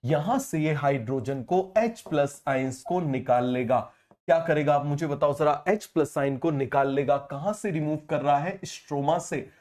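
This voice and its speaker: A man teaching a biology class, unwell with a fever, who keeps asking questions and repeating the answers slowly. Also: fairly high pitch, a little mellow. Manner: call-and-response questioning, repeats key terms slowly. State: feverish, speaking slower than usual. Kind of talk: online class lecture.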